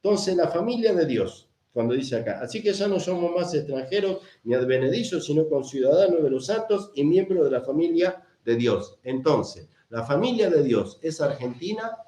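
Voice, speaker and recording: Emphatic Argentine preacher in echoey room. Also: male voice, on the high side, lively intonation, moderate pace, hardly any pauses, mellow. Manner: emphatic, repeats phrases, asks and answers his own questions. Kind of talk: sermon. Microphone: camera mic.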